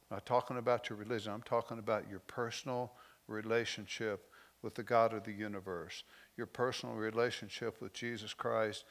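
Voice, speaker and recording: A pastor with a somewhat low voice preaches a sermon. He shifts between slow, emotional lines that drop softly and loose, conversational asides.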